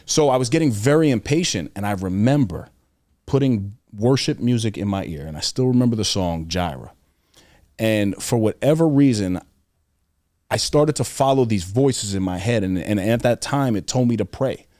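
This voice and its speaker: A young adult man, a podcast guest, telling a personal story in an earnest, reflective way and often dropping to a soft, quiet voice. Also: fairly low pitch, animated, moderate pace, no echo, studio quality. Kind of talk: casual conversational storytelling.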